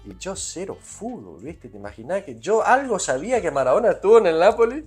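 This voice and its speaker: A man's voice: high voice, sing-song, a little fast, a little mellow, husky, faint music behind. Argentine man telling a rambling anecdote. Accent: Argentine Spanish, Corrientes. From Argentina, Corrientes. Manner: rambling anecdotes peppered with "¿viste?". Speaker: guest musician. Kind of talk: casual interview storytelling.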